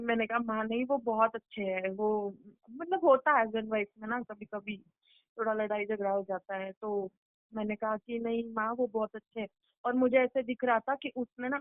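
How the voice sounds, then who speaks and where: A woman with a high-sitting voice calls her spiritual teacher, rambling through a meditation vision with lots of fillers and restarts. The phone line sounds tinny and dry, with no room sound at all.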